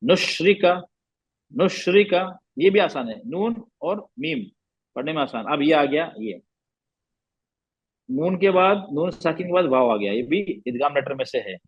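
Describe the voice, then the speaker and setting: A man's voice: fairly high pitch, expressive, moderate pace, husky, no echo, dull audio. A man teaching recitation rules to a class, patiently repeating sounds and asking questions.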